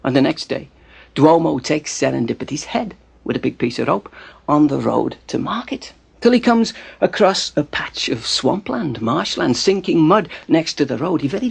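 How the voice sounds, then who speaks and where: Casting: male storyteller, gravelly and breathy, with a voice that climbs high and dips low, theatrical pacing. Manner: animated, theatrical pacing with hushed drops. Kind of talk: storytelling narration.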